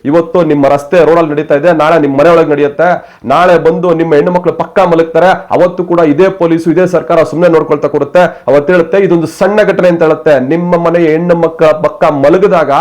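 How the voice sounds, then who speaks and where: A man with a fairly high-pitched voice gives heated political commentary. He scolds his listeners in a fiery tone and fires off one rhetorical question after another. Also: darkish tone. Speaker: news commentator.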